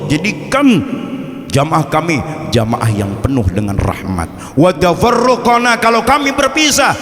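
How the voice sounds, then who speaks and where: Preacher in echoing mosque hall. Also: male voice, lowish voice. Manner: humorous storytelling, acts out dialogue, swings between loud bursts and soft asides. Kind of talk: sermon at an evening study gathering. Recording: roomy hall with long reverb.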